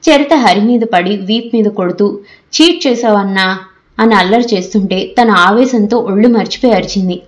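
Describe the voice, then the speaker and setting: A woman's voice: medium pitch, normal speed. Woman narrating an audiobook novel.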